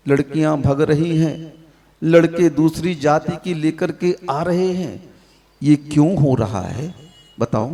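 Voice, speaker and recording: A man preaching a sermon, scolding his listeners with sharp rhetorical questions. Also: high-pitched. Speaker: Jain monk preacher. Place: large hall at a public event. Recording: long hall reverb.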